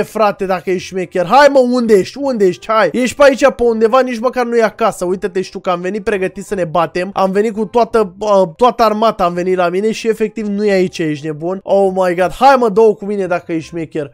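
A man giving excitable, exclamatory Minecraft role-play commentary, full of slang and taunts. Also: high-pitched. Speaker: gaming YouTuber.

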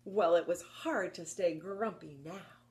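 A woman in her fifties with a lowish voice runs a children's story time, reading rhymes and picture books. Her slow, deliberate delivery is expressive and encouraging, and she frequently asks her young listeners questions, indoors in a small book-lined room at home.

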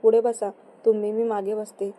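A woman's voice: medium pitch, level tone, normal speed, dark tone, lightly acted. Woman voicing a shy young wife. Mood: pleading.

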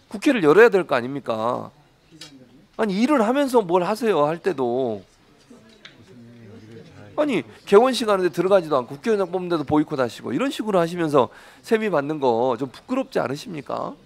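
A man's voice: a little high, gravelly. A man giving live commentary over parliament footage, arguing heatedly with rhetorical questions, then chatting through the scenes. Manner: chatty, amused play-by-play.

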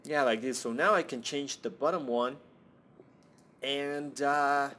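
This Minecraft let's-play host's commentary is casual: a young man talking to himself, cursing and muttering as he builds. He speaks slowly in a mid-range voice that sounds pushed and bright.

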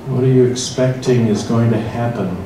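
A middle-aged man with an American Midwest accent leads a church forum, guiding listeners through a story in a slow, reflective second-person way, holding a handheld mic in a large hall. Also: medium pitch, fairly even intonation. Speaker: priest leading a church forum. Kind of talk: guided meditation and interactive forum talk. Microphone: handheld mic, filmed from far across the room. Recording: echoey hall, distant mic, room noise.

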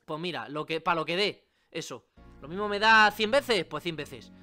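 Chatty bright-voiced man explaining. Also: a little high, expressive, moderate pace, soft background music. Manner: chatty, informal, many asides and tag questions. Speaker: crypto channel host. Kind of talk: screen-recorded tutorial.

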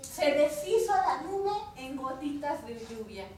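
Lively Mexican Spanish woman storyteller. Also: sits high, a little slow, a little hiss or hum. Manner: expressive, asks the children questions. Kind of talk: live storytelling to children. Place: community cultural center room. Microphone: distant microphone. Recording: echoey room, distant mic.

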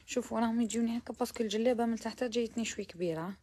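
A woman's voice: fairly high pitch, racing, mellow, a little hiss or hum. A woman with an Algerian Arabic accent showing abayas to viewers in a chatty shop walkthrough, mixing in French words and sometimes dropping to a near whisper. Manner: chatty, mixes French words, praising each garment. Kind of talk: live shopping try-on walkthrough.

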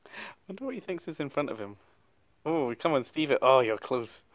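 Casual man with mid-pitched voice. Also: lively intonation, moderate pace. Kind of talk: casual chat. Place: outdoors on covered deck and lawn.

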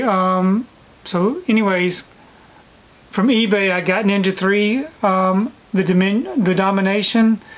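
A woman talks casually through a haul vlog, chatty and full of fillers and restarts. She is slightly out of breath. Her voice sits in an ordinary middle pitch, with a faint hiss under the recording. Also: rough recording. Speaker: video collector vlogger.

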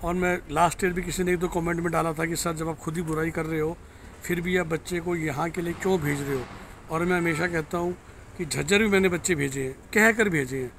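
Fairly quick and a bit bright, the slightly high, steady voice belongs to a middle-aged career counselor recording a direct-to-camera review outdoors in a parking lot. He's blunt and cautionary, his phone held at arm's length, with some slight background noise.

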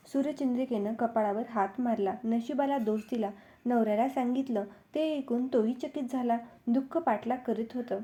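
A woman narrates a devotional story at a measured, rhythmic pace. Her voice sits fairly high for a woman, yet it sounds mellow and warm.

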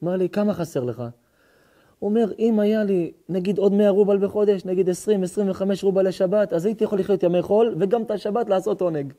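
In this sermon, the rabbi's storytelling turns theatrical as he voices the dialogue himself, with sudden shouts and high, excited tones.

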